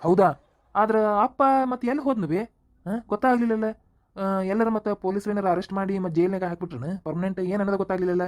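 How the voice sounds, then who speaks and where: A woman's voice: medium pitch, steady tone, fast talker, a little mellow, close to an everyday voice. Brief: a woman playing a cocky young cartoon thief son, brash and swaggering. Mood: curious. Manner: cocky, calls his mother "bē". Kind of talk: cartoon voice acting.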